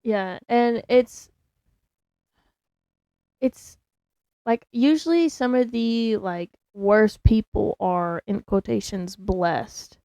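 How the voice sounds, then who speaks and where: A woman's voice: mid-range voice, slow pace, long pauses, warm tone, dry recording. A young woman co-hosting a casual podcast, speaking hesitantly and searching for words. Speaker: podcast co-host.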